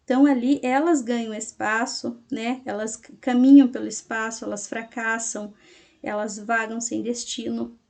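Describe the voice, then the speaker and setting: A woman teacher explaining a lesson to her class slowly, syllable by syllable, and checking in often with her students. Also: on the high side, level tone, vocal fry, a little mellow.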